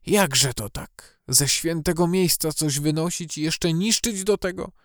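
A man reading a storybook who voices a poor, devout village mother, worried and fretful as she questions herself, in a clear, smooth voice. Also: fairly high pitch, unhurried, dry recording, studio quality, pitched above the performer's own voice, close to an everyday voice. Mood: anxious. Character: poor, anxious, devout mother fearing for her sick daughter.

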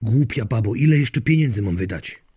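A man's voice: fairly low pitch, moderate pace, mellow, no echo, studio quality. A man voicing a surly, dismissive older husband in an audiobook story. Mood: gruff. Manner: gruff, dismissive.

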